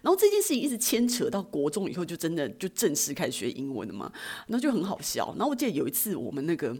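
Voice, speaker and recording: Animated, husky Taiwanese woman telling stories. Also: lowish voice, racing. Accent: Taiwanese Mandarin. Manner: animated, giggly anecdotes with acted-out quotes. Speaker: podcast host. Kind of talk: casual storytelling.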